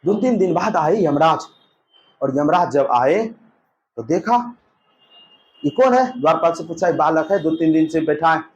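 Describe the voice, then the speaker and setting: High pitched guy teaching a class, tells the story with voices and quick asides. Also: highs cut off, a little hiss or hum. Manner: lively storytelling, acting out dialogue with asides to students. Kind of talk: exam-prep history lesson told as a story.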